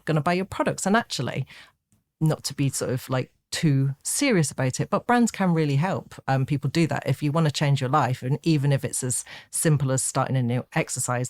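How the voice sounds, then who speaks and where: A woman's voice: extremely low pitch, no echo. A woman, a guest on a podcast, talking in a chatty, upbeat way with plenty of fillers and asides. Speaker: guest, advertising executive. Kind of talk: casual podcast interview.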